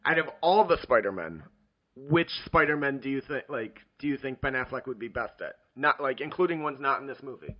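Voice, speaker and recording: A man's voice: medium pitch, expressive, fairly quick. A man co-hosting a podcast in casual chat, chatty and a bit fumbling, with the hiccups. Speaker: podcast co-host. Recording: dull lo-fi sound.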